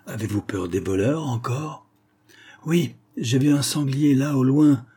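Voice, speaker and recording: A man's voice: mid-range voice, a little slow, dark tone, breathy edge, pitched above the performer's own voice. A man voicing a bold, eager little boy in a storybook reading, speaking up in a raised voice.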